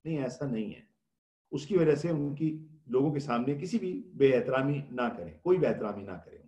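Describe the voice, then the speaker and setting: A man's voice: mid-range voice, animated, dark tone, echoey room. A man giving a religious lecture, explaining patiently, asking rhetorical questions and answering them himself, with English words mixed in. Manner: mixes English words into speech. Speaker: religious scholar giving a Ramadan talk.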